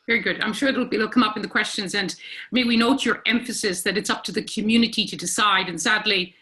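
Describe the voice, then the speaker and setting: Bright-voiced woman moderating a panel. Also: medium pitch, poor audio. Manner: measured, formal introductions. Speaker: event chair, moderator.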